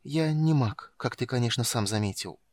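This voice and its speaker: A man's voice: mid-range voice, moderate pace, darkish tone, no echo, studio quality, close to an everyday voice. A man voicing a frightened, desperate young woman who pleads and stammers for breath. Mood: pleading.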